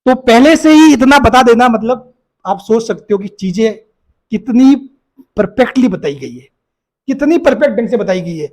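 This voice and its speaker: Male exam-prep teacher, very high voice, emphatic and repetitive, keeps checking that students follow. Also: lively intonation, normal speed, a little mellow. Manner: emphatic, repeats points, asks "बात clear?". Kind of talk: casual talk to students.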